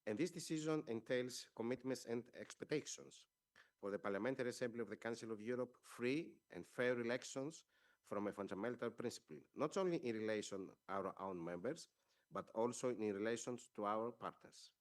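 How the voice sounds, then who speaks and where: A man from Greece with a Greek accent and Greek as his first language, leading a parliamentary delegation and giving a formal press conference statement in measured speech with frequent hesitations. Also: mid-range voice.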